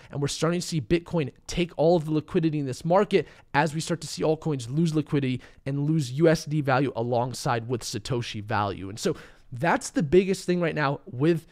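Somewhat high and a little mellow, this young man's voice carries a slight hoarseness from feeling unwell. He walks through market charts with confidence in a relaxed commentary.

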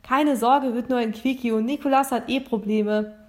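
A woman's voice: on the high side, steady tone, normal speed, darkish tone, close to an everyday voice. A woman voicing a pushy, coercive young man in a storybook reading, smug and dismissive.

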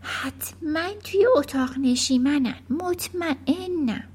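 A woman's voice: sits high, expressive, pitched above the performer's own voice. A woman reading a children's storybook aloud, voicing a bold, clever little girl who talks eagerly and gives orders. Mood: hushed. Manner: eager, commanding.

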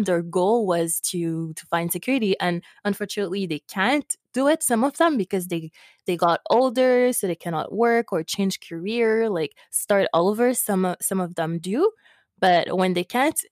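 A woman hosts a podcast, asking questions in a friendly, agreeing way and laughing along with her guest. Her voice sits mid-pitch for a woman and the sound is dry. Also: no echo. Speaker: podcast host. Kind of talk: casual podcast interview.

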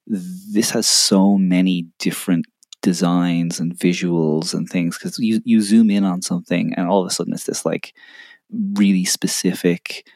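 A man with a very low, gravelly voice, talking through ideas in a thoughtful, analytical way during casual podcast chat. The sound is dry and close. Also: fairly even intonation, measured pace, darkish tone, dry recording. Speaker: podcast co-host.

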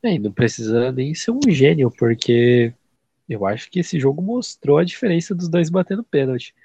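A man's voice: mid-range voice, lively intonation, moderate pace, creaky, mellow, slightly rough, no echo. A Brazilian man co-hosting a podcast in casual, slangy, opinionated football chat, his duck-like voice nasal and congested from a blocked nose. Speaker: podcast co-host.

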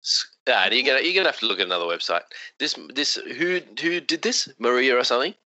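A man in a casual chat among friends, quick to disbelieve and scoff. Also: medium pitch, expressive, sharp tone, no echo, highs cut off. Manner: quick to disbelieve, says nah and no way.

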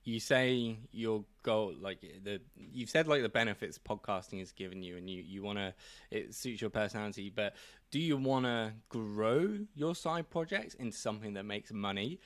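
A man with a fairly low voice talks casually on a podcast. He lays out his plans plainly, pausing with fillers as he thinks. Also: expressive, dry recording. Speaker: podcast host.

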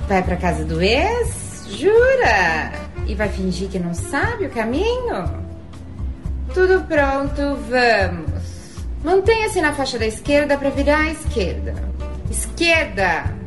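A sassy, judgmental GPS navigation lady, put on by a woman, taunting the driver in a sweet announcer tone that swoops high and low. She drags her words out slowly and mockingly. Music plays faintly behind her. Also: huge pitch swings, exaggerated voice. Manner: teasing, sarcastic, mock-polite announcer tone.

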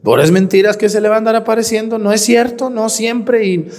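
Teasing priest in a reverberant church. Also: male voice, high-pitched, a little fast, a little mellow. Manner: scolding and teasing, with sarcastic acted-out quotes. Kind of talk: sermon at Sunday mass.

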